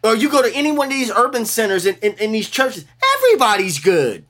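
Animated bright-voiced man in his forties. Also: sits high, fast. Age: 40s. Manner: animated, emphatic, slips into a mock preacher voice. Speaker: bass player guest. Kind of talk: casual interview chat.

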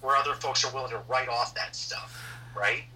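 A man's voice: medium pitch, steady tone, moderate pace. A man hosting the conversation, asking long, rambling questions with many restarts. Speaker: podcast host. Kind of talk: casual interview questions. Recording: distant mic with faint noise.

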